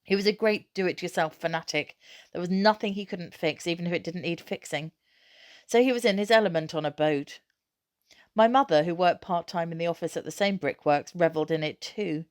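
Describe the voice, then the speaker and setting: In a fairly low voice, a woman reads a children's novel aloud as a storybook reader, bringing expression to the scripted prose. Her pace is brisk, and the studio-quality recording has no room sound.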